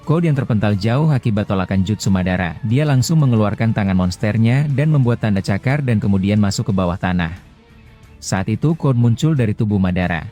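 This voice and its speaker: A man with a low, dark voice narrates a scripted anime fan story. Faint music plays behind his mellow storytelling. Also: animated, fairly quick.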